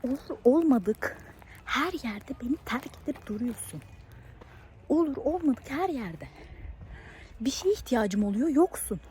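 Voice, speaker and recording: A woman's voice: high voice, animated, unhurried, pauses often, darkish tone, slight background noise. A woman playing an exasperated young wife who vlogs and scolds her husband in a comedy sketch. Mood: annoyed.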